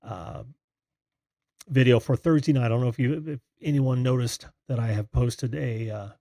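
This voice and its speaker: Breathy, mellow American man hosting a livestream. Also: mid-range voice, steady tone, moderate pace, no echo, clean studio sound. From Indiana, United States. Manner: rambling, distracted, friendly familiar address. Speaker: host of a live call-in show. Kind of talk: casual live stream chat, greeting viewers by name.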